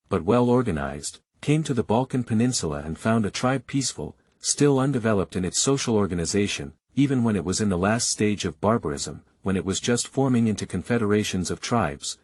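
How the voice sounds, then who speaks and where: A man's voice: on the low side, a little mellow, husky, dry recording, clean studio sound. A man reading a historical parliamentary speech aloud in a declamatory, oratorical manner.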